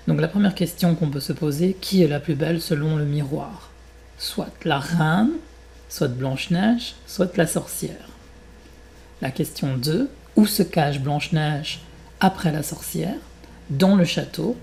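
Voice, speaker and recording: A man with a French accent, teaching French by reading a fairy tale aloud and then walking learners through exercises slowly and deliberately. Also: a little high, vocal fry, mellow, slight background noise.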